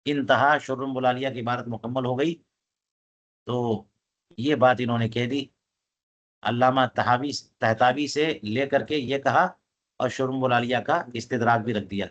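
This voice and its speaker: A man's voice: mid-range voice, steady tone, muffled recording. A man teaching a religious text to students, reading Arabic passages aloud and explaining them line by line, often asking his listeners questions. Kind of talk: classroom text commentary.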